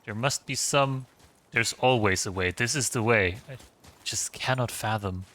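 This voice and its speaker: A man's voice: medium pitch, normal speed, sharp tone. Chatty man streaming a game. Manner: chatty, rambling, swears casually, many restarts. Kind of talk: casual gaming commentary.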